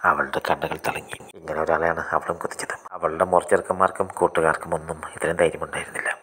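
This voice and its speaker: Deep-voiced male storyteller, brisk. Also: flat delivery, sharp tone, breathy edge. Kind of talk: scripted short story narration.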